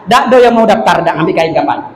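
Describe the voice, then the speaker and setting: High-voiced preacher shouting in echoey hall. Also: male voice, lively intonation, fast talker, a little hiss or hum. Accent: South Sumatran Malay. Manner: shouts and cries out for emphasis, jokes. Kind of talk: humorous village sermon. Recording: echoey hall, long reverb.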